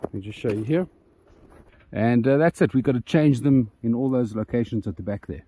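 Guy rambling about his diy solar mount outside, dark mellow voice, lots of ums, bit out of breath. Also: medium pitch, fairly quick, a little hiss or hum. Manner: rambling, hesitant, many ums and restarts. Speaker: DIY solar channel host. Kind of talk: casual walkthrough vlog. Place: outdoors by a ground-mounted solar array.

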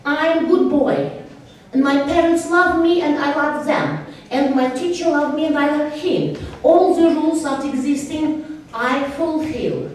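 A woman's voice: sits high, a little slow, a little hiss or hum, pitched above the performer's own voice. A woman voicing an earnest, well-behaved German boy who lectures about following rules. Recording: echoey hall, speaker far from mic.

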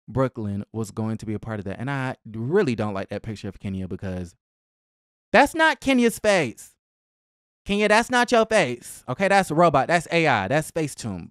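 A young man's slightly high, somewhat bright voice carries casual celebrity gossip commentary full of sass, slang and emphasis. The tone is clean with no room sound, as he sits close to a boom-arm podcast mic in a small room at home.

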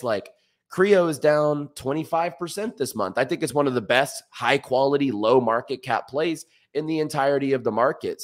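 A young American man hosting a show, giving casual, enthusiastic and slangy market commentary. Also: medium pitch. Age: young adult. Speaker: crypto show host. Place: small indoor room, streaming setup.

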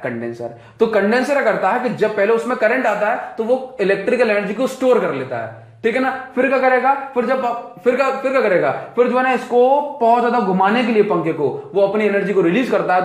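A man's voice: high voice, roomy sound. A man teaching physics in a classroom lecture, asking questions and answering them himself.

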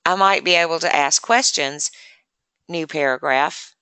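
Low, bright-voiced woman demonstrating software. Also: a little slow, clear, resonant tone, no room sound. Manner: chatty, explains step by step with many fillers. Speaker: assistive technology presenter.

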